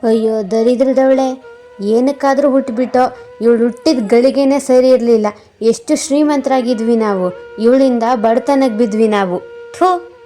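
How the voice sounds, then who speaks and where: A woman's voice: on the high side, measured pace, mellow, soft background music, natural voice. A woman voicing a harsh middle-aged father in a cartoon story, scolding and scornful.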